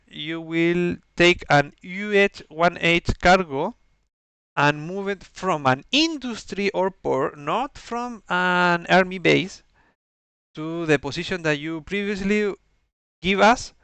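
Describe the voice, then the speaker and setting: Slow, very clear man with non-native English. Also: sits high, a bit bright, no echo. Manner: halting, searching for words, methodical. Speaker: organizer briefing players on campaign rules. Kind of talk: explanatory game briefing, partly improvised.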